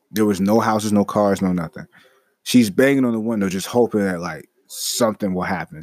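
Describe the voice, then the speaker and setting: Low-voiced man telling a rambling story. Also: a little mellow, no echo. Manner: rambling, filler-heavy, frequent restarts. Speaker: storyteller host. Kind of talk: casual spoken storytelling.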